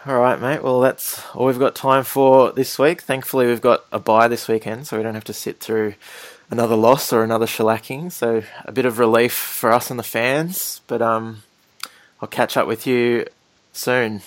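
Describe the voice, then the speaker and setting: A man's voice: mid-range voice, level tone, moderate pace, no echo. An Australian man hosting a casual sports discussion. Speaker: sports podcast host.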